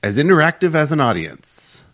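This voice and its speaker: Playful man chatting, lively pitch. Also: normal speed. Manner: playful, trails off, laughs often. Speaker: co-host. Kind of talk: casual chat.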